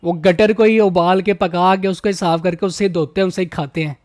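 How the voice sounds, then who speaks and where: Roast guy ranting and mocking, highish voice, dry close mic. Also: fairly even intonation, brisk, a little mellow, dry recording. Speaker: roast video host. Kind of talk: roast commentary.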